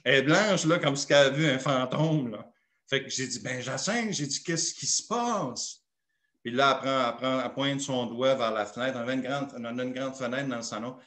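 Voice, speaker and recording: A man's voice: mid-range voice, fairly bright tone, reverberant. A man with a Québécois French accent, a pastor telling a personal story in a sermon and acting out the dialogue. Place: church.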